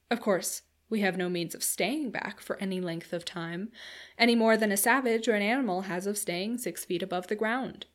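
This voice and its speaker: A woman voicing a calm, earnest Victorian male inventor explaining his ideas. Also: mid-range voice, lightly acted.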